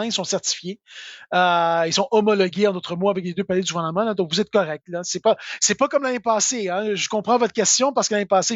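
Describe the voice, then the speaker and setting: Québécois man with a high voice. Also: a bit bright, dry recording, dull audio. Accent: Québécois French. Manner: informal, full of filler words and tag "là". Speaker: tax software expert answering questions. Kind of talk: live Q&A.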